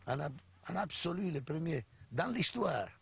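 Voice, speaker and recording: A man's voice: fairly high pitch, sing-song, normal speed, gravelly, slightly rough. An older man from Sicily speaking French with an Italian accent, earnestly searching for words as he explains his olive oil. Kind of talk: interview conversation. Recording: dull lo-fi TV recording.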